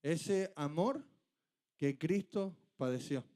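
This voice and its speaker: Preacher guy, high voice, emphatic sermon, keeps building to urgent peaks. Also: lively intonation, slow, dark tone. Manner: emphatic, rhetorical questions, rising to urgent peaks.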